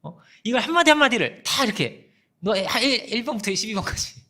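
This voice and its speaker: Man doing a nagging, teasing teacher figure for a sermon example, pitched a bit high. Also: big pitch swings, brisk, pushed and bright, exaggerated voice. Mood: scolding. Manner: scolding, blunt, teasing. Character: Jesus as an imagined nagging teacher, male adult.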